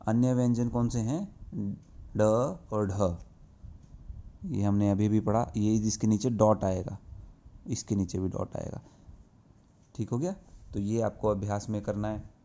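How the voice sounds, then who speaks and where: A man teaching a grammar lesson to young pupils. He explains slowly and step by step, asking questions and answering them himself. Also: on the low side, dark tone. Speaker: school teacher. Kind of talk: classroom lesson. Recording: dull lo-fi recording.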